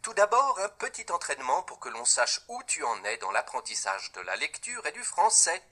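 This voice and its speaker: A man reading scripted instructions to a child in a reading app, clearly articulating and dictating single words. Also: a little high, very animated, moderate pace, sharp tone.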